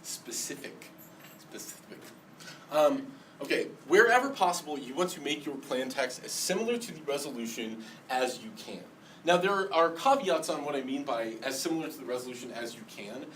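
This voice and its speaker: A man lectures a class on debate, explaining step by step with many ums and restarts and a slight lisp today. His voice is expressive, a bit bright, somewhat high and a little fast. The mic is distant, with faint background noise.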